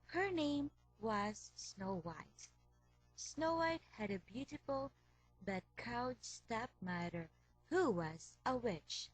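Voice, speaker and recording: A woman reading a fairy tale aloud as storyteller, slow and careful. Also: a little high, expressive, no room sound, faint music behind, rough recording.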